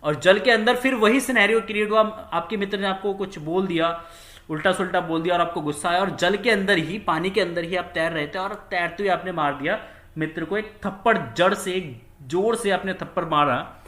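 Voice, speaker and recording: A man's voice: high-pitched, fairly quick, fairly bright tone, roomy sound. A man teaching a physics lesson, who repeats key words and asks questions that he answers himself. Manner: acts out little scenes with quoted dialogue. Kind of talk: classroom lecture.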